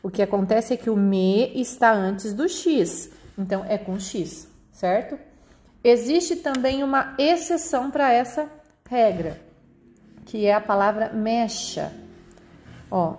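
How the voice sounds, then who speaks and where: Brazilian woman, primary teacher, fairly high voice, patient, slow on example words. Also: darkish tone. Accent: Brazilian Portuguese. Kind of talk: remote class lesson.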